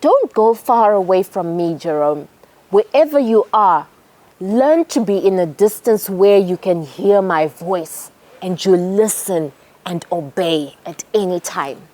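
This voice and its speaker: A worried farmer father in a children's storybook, calling out urgently for his son, as a woman reads him. He speaks slowly and with weight. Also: medium pitch, lively intonation, dark tone. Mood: firm warning.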